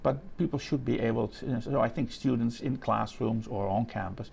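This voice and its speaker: A man's voice: mid-range voice, fairly quick, creaky, darkish tone, slight background noise. A man giving an explanatory interview answer, repeating and rephrasing as he reasons aloud. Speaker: interviewee commenting on free speech.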